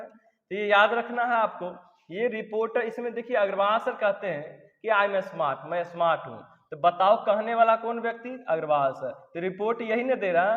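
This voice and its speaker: A man's voice: high voice, big-room sound, phone-quality sound. A man teaching an English grammar lesson, drilling points again and again and calling his students dear ones. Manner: repetitive, drilling reminders to remember; affectionate address to students. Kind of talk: classroom lesson explanation.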